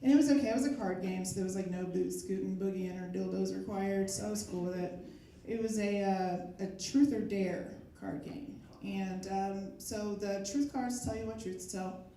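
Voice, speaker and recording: A woman's voice: medium pitch, mellow, a little hiss or hum. Wry middle-aged woman doing stand-up. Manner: wry storytelling with filler pauses. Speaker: stand-up comedian. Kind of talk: stand-up comedy set. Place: live comedy stage with audience. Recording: echoey live room from far off.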